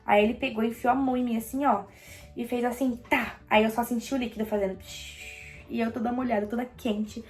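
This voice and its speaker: A young Brazilian woman casually telling a personal story, animated and acting out quoted lines. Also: fairly high pitch, a little fast, faint music behind.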